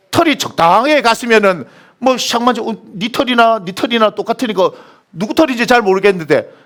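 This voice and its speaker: Animated high-voiced male pastor preaching. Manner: animated, asks the congregation questions and answers them. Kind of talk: sermon. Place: church sanctuary.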